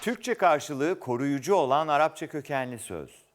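A man's voice: a little high, lively intonation, normal speed. A man hosting a word quiz show, reading clues aloud and teasing the contestant in a playful way. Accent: Turkish. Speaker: game show host.

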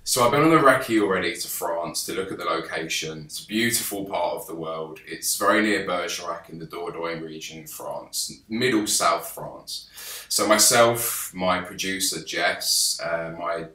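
A young Englishman in his twenties, a film director, pitches his crowdfunding campaign to a camera a few feet away, gesturing eagerly and restarting often. His bright, forceful voice moves at a moderate pace and sounds enthusiastic. The small indoor office sounds roomy and distant, with background music.

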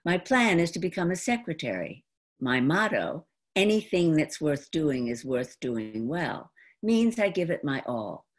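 A very animated woman in her seventies from New York performs a theatrical autobiographical monologue, sitting low, in deliberate, dramatic phrases broken by pauses. She is in a room at home and is picked up by a computer mic on a video call.

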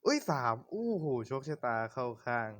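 A man's voice: fairly high pitch, very animated, normal speed, fairly bright tone. A young man giving casual, swear-laced commentary while playing a survival game, talking to himself as he goes. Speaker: gaming YouTuber. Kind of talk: casual Minecraft let's-play commentary.

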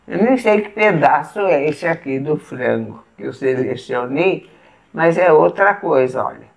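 A woman with a Brazilian Portuguese accent, patiently showing step by step how to eat at the table and pausing to eat as she goes. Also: low voice, animated, creaky. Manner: patient, explains step by step while eating. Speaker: etiquette instructor. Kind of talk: casual demonstration.

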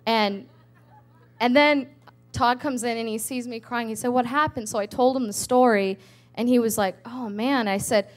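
Higher-voiced woman telling a lively testimony. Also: moderate pace. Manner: animated storytelling, laughs often, acts out her prayers. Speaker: evangelist's wife giving testimony. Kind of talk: personal testimony on stage.

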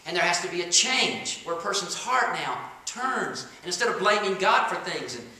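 A man's voice: high-pitched, sing-song, moderate pace, sharp tone. A man preaching a sermon as pastor of a church, dramatic and acting out the voices he quotes. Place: church sanctuary. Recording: echoey church room.

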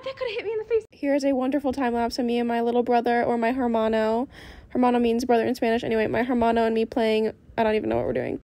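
A woman's voice: fairly high pitch, flat delivery, quick pace, warm tone. A teenage girl talking into her phone camera in a chatty, rambling diary vlog, often giggling. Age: teens. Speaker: vlogger.

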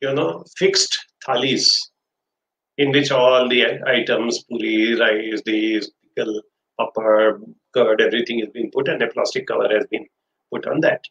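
A man's voice: mid-range voice, a little slow, vocal fry, a bit bright, lo-fi sound. An older man with an Indian accent giving an illustrative lecture as a trainer, telling anecdotes and acting out the dialogue. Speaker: trainer giving an online class. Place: small indoor office. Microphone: webcam livestream from desk distance. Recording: roomy echo with background noise.

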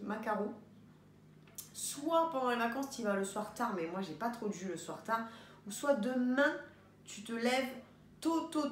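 A woman's voice: mid-range voice, echoey room, distant mic, slight background noise. A woman vlogger chatting casually while unboxing, giggly and bursting into delighted exclamations.

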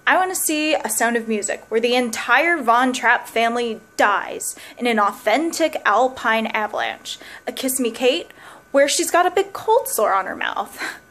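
A young actress performs a wry, wounded woman thinking aloud in a searching theatrical soliloquy. Her voice sits fairly high. She muses her way between quiet grief and bitterness, as in a dramatic stage monologue. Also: measured pace. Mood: bitter, defiant. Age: young adult. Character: embittered, wry, grieving woman who loves musicals. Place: small plain room indoors.

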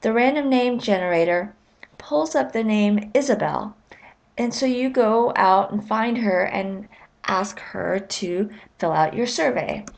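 A woman's voice: medium pitch, unhurried, gravelly. Woman explaining probability in a lecture. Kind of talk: recorded lecture narration.

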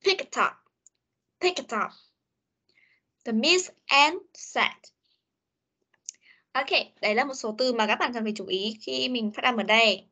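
Bright-voiced Vietnamese woman teaching English. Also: a little high. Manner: repeats words slowly for students to copy. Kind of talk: online class pronunciation drill. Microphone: video call.

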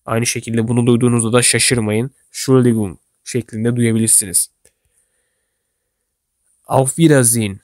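Slow, careful model phrases mark this instructional explanation of everyday German, delivered by a male teacher whose first language is Turkish. His tone is steady and his pitch ordinary middle, captured in a dry, close recording with no echo.

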